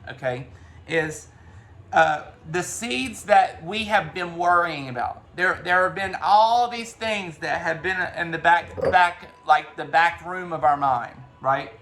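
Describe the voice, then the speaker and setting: A man's voice: on the high side, slow pace, a bit bright. A man giving a casual spiritual talk as a reader, rambling along with frequent restarts and the odd swear word.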